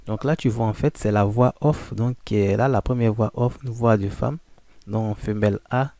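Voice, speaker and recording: Male tutorial presenter: low, mellow, dry close voice, casual chatty walkthrough full of fillers. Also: moderate pace, no echo. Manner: informal, addresses listener as tu, frequent "en fait" fillers. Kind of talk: casual screen-recording walkthrough.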